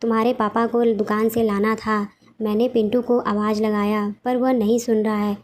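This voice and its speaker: A woman's voice: mid-range voice, flat delivery, moderate pace, darkish tone, a little hiss or hum, lightly acted. A woman doing a fussing motherly figure. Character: caring middle-aged mother, fussing over family.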